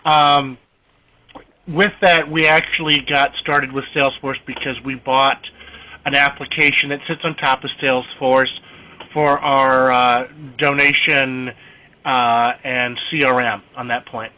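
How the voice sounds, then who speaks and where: A man's voice: mid-range voice, flat delivery, measured pace, bright, forceful tone, rough recording. A man calling into a conference call, eager and a little hesitant, with a self-deprecating manner. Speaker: caller, nonprofit Salesforce administrator. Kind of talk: casual question on a conference call.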